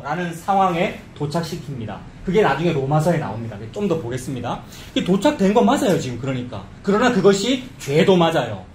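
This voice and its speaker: A man's voice: high-pitched, reverberant, slight background noise. A man preaching a sermon as pastor, in a conversational style. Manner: conversational preaching, acts out quoted voices. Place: church sanctuary.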